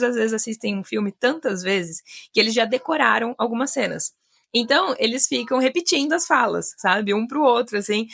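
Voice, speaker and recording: A woman's voice: a little high, vocal fry, fairly bright tone, husky, no echo, studio quality. A Brazilian woman in her thirties, an English teacher, explaining tips in a chatty video lesson. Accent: Brazilian Portuguese. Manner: chatty, many fillers like né and sabe.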